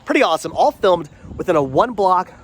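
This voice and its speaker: A vlogger with a stuffy, cold-congested voice films himself on a walking tour, chatting enthusiastically along a rainy town street. His voice is high-pitched with big pitch swings and a fairly quick pace. Light street noise is audible.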